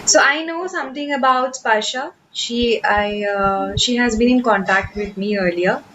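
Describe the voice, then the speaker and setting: A woman's voice: on the high side, measured pace, a bit bright, dull audio, a little hiss or hum. A young woman from Kolkata with an Indian English accent, hosting a spoken English workshop over a video call in a chatty, encouraging way. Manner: encouraging, chatty, with fillers and restarts. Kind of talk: online class, casual teaching talk.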